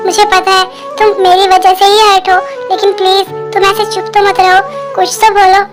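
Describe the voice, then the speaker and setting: Fan-dub woman as a young husband: very high, flat-toned, stammering apologies, faint music underneath. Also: normal speed. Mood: remorseful. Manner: pleading, stammering. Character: young husband, anxious and remorseful.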